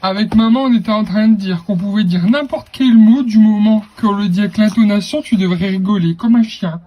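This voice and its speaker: A man's voice: high-pitched, fairly quick, muffled recording. A young man filming a casual family vlog at home, joking, swearing and talking baby talk to his infant. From France. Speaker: vlogger parent. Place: home, indoors.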